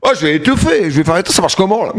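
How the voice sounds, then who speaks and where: Male live streamer, high voice that leaps around, joking, loud outbursts. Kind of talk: casual live-stream chat.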